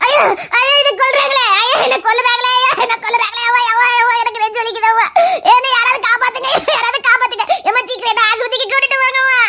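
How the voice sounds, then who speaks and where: A woman's voice: extremely high pitch, level tone, fast talker, few pauses, bright, forceful tone, full character voice. A woman performing a family comedy skit, wailing and crying out in exaggerated mock distress. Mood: comic wailing.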